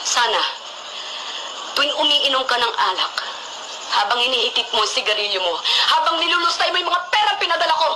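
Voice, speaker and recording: A woman's voice: high voice, lively intonation, brisk, noisy background. A woman working abroad as a mother, delivering a dramatic monologue, emotional, raising her voice and sobbing. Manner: emotional, raises voice and sobs.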